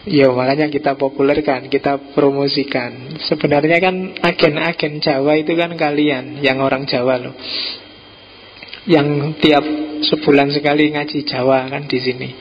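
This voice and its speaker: A middle-aged Javanese-accented man gives a casual, joke-filled philosophy lecture, sprinkling in local words. His voice is fairly high and his pace moderate. The lo-fi recording sounds dull, with a faint hiss.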